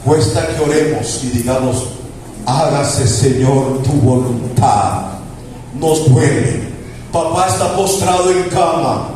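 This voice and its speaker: A man's voice: mid-range voice, takes it slowly, darkish tone. A man preaching a sermon. He is emphatic, repeats key phrases and stretches words for emphasis. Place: church hall. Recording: echoey church hall, distant mic, background noise.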